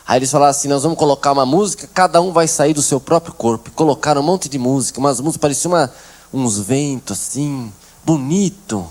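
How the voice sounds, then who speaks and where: A man in his thirties giving a humorous church testimony, telling his story with animated comic quotes of the people in it. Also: mid-range voice, quick pace. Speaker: testimony speaker. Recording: 1990s.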